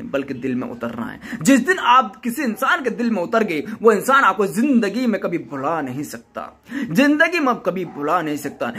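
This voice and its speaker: A man's voice: high voice, a bit bright, slight background noise. A man hosting his own channel, giving an earnest motivational talk and repeating his points in a preaching way. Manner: earnest, repetitive preaching delivery. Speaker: YouTube channel host.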